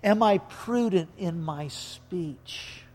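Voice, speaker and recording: A pastor's high, slightly mellow voice moves slowly through a sermon in a church sanctuary, his storytelling rising toward emphatic points. The echoey hall carries faint music behind him.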